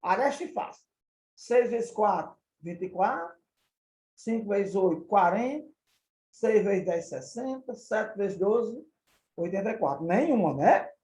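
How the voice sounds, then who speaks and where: Slow, patient Brazilian math teacher. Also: male voice, high-pitched, expressive, darkish tone, reverberant, poor audio. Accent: Brazilian Portuguese. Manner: patient, repeats and counts out examples step by step. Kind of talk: recorded classroom lesson.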